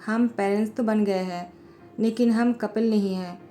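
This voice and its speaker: A woman voicing a timid, gentle young man who speaks meekly and pleadingly in a storybook narration, with faint music behind her. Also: medium pitch, steady tone, measured pace, lightly acted. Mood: sad. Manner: meek, pleading.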